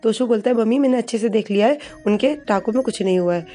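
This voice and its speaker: A woman narrating a TV serial episode recap in a casual, unscripted way, with pauses and restarts. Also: fairly high pitch. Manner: retells scenes with filler pauses and restarts, reading dialogue flatly.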